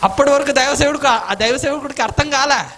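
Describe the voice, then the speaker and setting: A man preaching a storytelling sermon in a strikingly high voice. His tone is bright and forceful. He keeps posing questions to the congregation and then answering them. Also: fast, a little hiss or hum.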